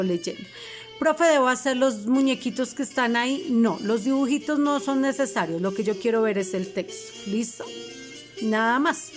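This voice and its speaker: A woman teacher, giving a recorded lesson to fifth graders and patiently spelling out each instruction. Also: on the high side. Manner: patient, reminding, spells things out for children.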